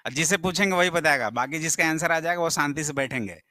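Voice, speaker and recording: A man's voice: fairly high pitch, quick pace, bright, forceful tone, no echo. A male math teacher, lecturing a classroom and firing questions at his students, sometimes scolding them.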